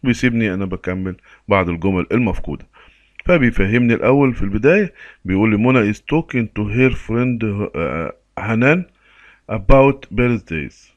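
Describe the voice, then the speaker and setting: A man with an Egyptian Arabic accent teaching an English lesson, reading the English slowly and explaining in quick bursts. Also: on the low side, animated, dry recording, dull audio. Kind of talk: recorded lesson for a workbook.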